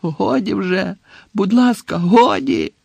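A man's voice: high voice, slow pace, vocal fry, darkish tone, breathy edge, no room sound, pitched above the performer's own voice, heavily acted. Dumbledore, a man voicing a dying old wizard. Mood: agonized pleading. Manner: moaning, begging in agony. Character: dying old male headmaster wizard, pleading.

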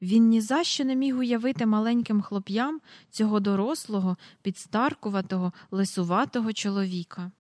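A woman reads a children's storybook aloud in an even storytelling manner. Her voice sits at a medium pitch. The recording is close and dry, with no room echo. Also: moderate pace. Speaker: audiobook narrator. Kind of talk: scripted narration.

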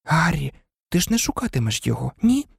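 A man's voice: on the high side, big pitch swings, brisk, vocal fry, husky, dry recording, studio quality, voice pushed up, heavily acted. A man voicing an anxious teenage schoolgirl who urgently pleads with her friend. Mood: pleading. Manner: urgent, imploring.

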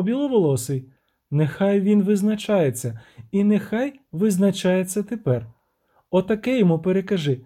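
A man voicing a haughty, indignant young female siren who speaks in a shrill, singsong, complaining tone. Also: dark tone, natural voice.

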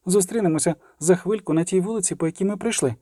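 A man's voice: high-pitched, fast, dark tone, no room sound, studio quality, voice pushed up. A man doing a bold young swordswoman. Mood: urgent hushed. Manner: tense, urgent. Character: young woman swordswoman, bold, quick-witted.

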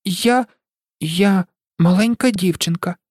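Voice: mid-range voice, very animated, normal speed, no room sound, clean studio sound, voice pushed up. A reader voicing a bewildered, polite little girl in a storybook recording, earnest and a little unsure. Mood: protesting. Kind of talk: audiobook reading.

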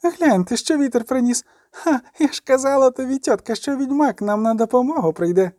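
A man's voice: very high-pitched, fairly quick, dry recording, clean studio sound, voice pushed up. A man doing a brash cheeky young girl. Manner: brash, shouting.

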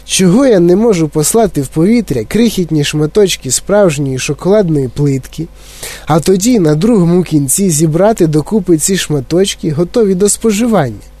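A male storyteller puts on a fizzing, eccentric chocolate maker from a children's storybook. He pitches up high and barks eager orders. The voice sits close and dry. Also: expressive, moderate pace, warm tone, no echo. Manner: exclaiming, bossy and eager.

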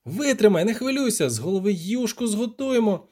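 Dandelion, a man voicing a boastful loud bard. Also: high-pitched, expressive, fairly quick, voice pushed up. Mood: shouting eagerly. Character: boastful excitable male poet bard. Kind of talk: audiobook character voice.

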